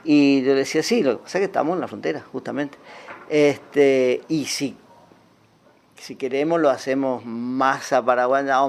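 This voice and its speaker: A man's voice: mid-range voice, clean tone. A man with a Misiones Argentine accent, a puppeteer telling stories in a casual interview, acting out bits of dialogue and using plenty of fillers. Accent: Misiones Argentine Spanish. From Puerto Iguazú, Argentina. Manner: animated storytelling, acts out quoted dialogue, frequent fillers. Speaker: guest, puppeteer.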